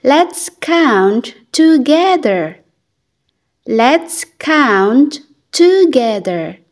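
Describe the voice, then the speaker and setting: A young woman who teaches English to children leads slow, repeated phrase drills with translations. Her bright, high voice is very slow and sing-song, deliberate and clear, with lively intonation.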